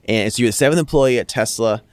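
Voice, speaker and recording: A man's voice: medium pitch, fast, no echo. A man hosting an interview in a casual, chatty way, often repeating words as he starts a thought. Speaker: podcast host.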